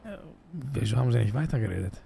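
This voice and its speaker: A man's voice: mid-range voice, very animated, quick pace, gravelly, dark tone, slightly rough. A young man playing a joking roleplay character in a video game, tossing Spanish words into his talk.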